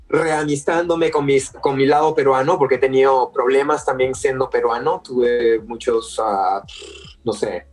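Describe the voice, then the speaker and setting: A man's voice: medium pitch, darkish tone. Easygoing Peruvian-accented man. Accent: Peruvian Spanish. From Peru. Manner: easygoing, reflective, laughs lightly. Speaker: guest artist. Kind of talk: relaxed interview talk.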